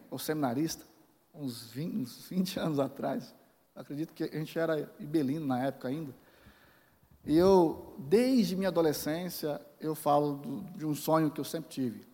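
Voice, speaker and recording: A pastor in his forties with a Brazilian Portuguese accent preaches a sermon in a large church hall with long reverb. His voice is slightly high and a little mellow as he tells a personal story, acting out dialogue and swinging between emotions.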